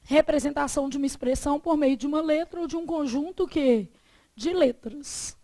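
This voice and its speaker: A woman's voice: high-pitched, moderate pace, warm tone. A woman Portuguese teacher, giving a frank classroom grammar lecture. She leaves sentences open with "o quê?" for students to finish and checks in with "beleza?".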